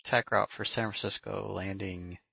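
A man's voice: lowish voice, fairly even intonation, normal speed, gravelly, pushed and bright, slightly rough, no echo, lo-fi sound. A man working as an air traffic controller, giving procedural instructions over the radio. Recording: dry, band-limited radio audio.

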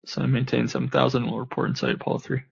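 A man with a gravelly, husky voice making pilot calls on air traffic control radio. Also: sing-song, very fast. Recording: muffled low-fidelity radio audio.

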